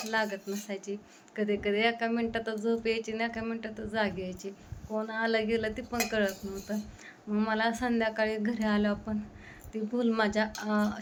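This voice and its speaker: A young woman chats at home, worn out and short of breath. Her voice stays flat and even, with little rise or fall. A faint household hum sits behind her. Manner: tired, breathless, low-key storytelling. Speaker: vlogger. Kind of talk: casual home vlog chat. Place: home kitchen.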